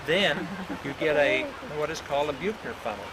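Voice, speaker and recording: A man's voice: fairly high pitch, animated, a little fast. A man on an old VHS home video, explaining a process step by step to a group in a folksy, rambling way, often restarting his sentences. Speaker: teacher of herbal remedies leading a group outdoors. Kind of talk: informal step-by-step spoken instruction. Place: outdoors by a road during a walk. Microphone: camcorder mic at a distance. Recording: hissy old VHS camcorder tape, outdoors. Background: loud outdoor ambience with passing vehicles.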